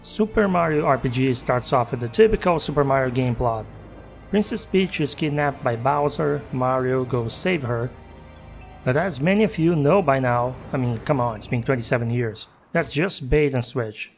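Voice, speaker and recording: A man's voice: mid-range voice, expressive, moderate pace, gravelly, soft background music. A man narrating a scripted game review with wry, self-mocking asides.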